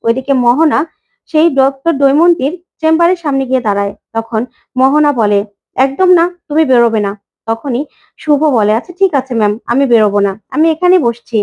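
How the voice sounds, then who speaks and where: A woman's voice: high-pitched, animated, brisk, muffled recording. A woman narrating a recap of a TV serial, voicing every character's lines herself.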